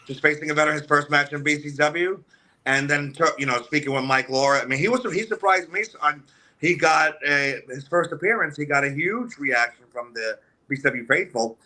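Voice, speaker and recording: A man's voice: on the high side, a little fast, pushed and bright. A man who works as a wrestling manager, guest on a radio show, talking casually with many restarts and "you know" fillers. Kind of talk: casual interview talk. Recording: remote call audio.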